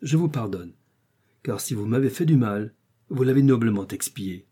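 A man's voice: medium pitch, lively intonation, normal speed, dark tone, slightly rough. A man voicing a young Venetian nobleman, a passionate, jealous lover, with impassioned, declamatory delivery. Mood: solemn.

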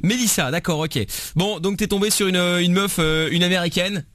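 A man's voice: high-pitched, fairly even intonation, normal speed, a bit bright, dry recording, clean studio sound. A man hosting a radio show, joking with his co-hosts and leading the segment in casual banter.

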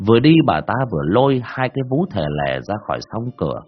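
A man narrating a first-person horror story in a dramatic, drawn-out way. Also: on the low side, big pitch swings, faint music behind. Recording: dull lo-fi recording.

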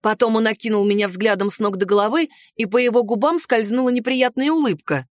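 High, dry-voiced woman narrator. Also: a little fast, no room sound. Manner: lively storytelling, sharp-tongued heroine voice. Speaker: audiobook narrator. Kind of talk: first-person audiobook narration.

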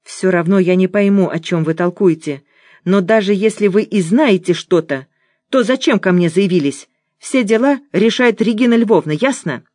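Lady narrator doing a defensive young student girl, higher voice, dry close sound. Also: normal speed, darkish tone, dry recording, lightly acted. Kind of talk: audiobook reading.

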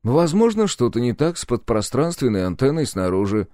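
A male narrator voicing a grumpy, touchy ship engineer in an audiobook, snapping back with loud, sarcastic lines. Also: medium pitch, very animated, normal speed, dry recording, studio quality, pitched above the performer's own voice, natural voice. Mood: snappish.

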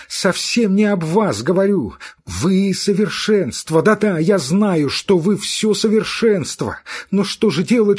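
A man's voice: medium pitch, husky. A man voicing a hot-tempered, proud young woman in an audiobook reading, speaking in an agitated and insistent way. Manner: agitated, insistent, emphatic repetition.

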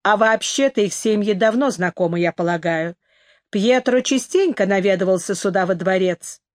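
A woman's voice: mid-range voice, moderate pace, no echo, lightly acted. A woman reading an audiobook, voicing a wry young man who works as a factory clerk, with a dry, ironic delivery.

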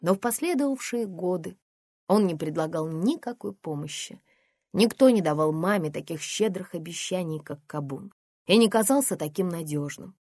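A woman narrating a first-person memoir as an audiobook, in a quiet, restrained storytelling manner. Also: fairly low pitch, animated, moderate pace, slightly rough, dry recording, studio quality.

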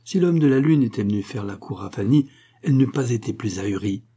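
A man's voice: mid-range voice, expressive, fairly quick, mellow, husky. A man voicing a stiff, cold older rector, close to his own voice. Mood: indignant.

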